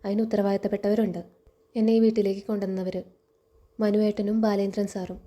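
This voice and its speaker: A woman reading the lines of a young servant woman who answers back calmly and firmly. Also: medium pitch, natural voice. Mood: defiant. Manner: firm, measured.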